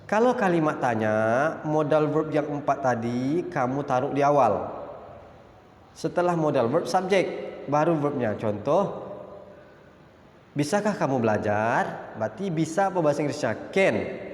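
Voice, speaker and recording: A man's voice: fairly high pitch, animated. Male teacher, echoey room. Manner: switches between explanation and slow, drawn-out example sentences. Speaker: English teacher. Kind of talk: recorded grammar lesson for students. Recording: echoey room with long reverb.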